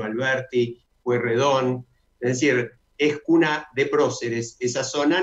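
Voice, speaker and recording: Chatty Argentine radio host, lo-fi. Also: male voice, medium pitch. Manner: chatty, announces slowly and repeats details. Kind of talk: radio talk show hosting. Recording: dull lo-fi radio sound.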